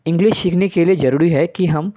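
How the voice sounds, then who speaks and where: A man teaches English pronunciation in Hindi, patiently spelling out letters and saying example words one at a time. His voice is mellow and on the high side, fairly quick, with the highs cut off.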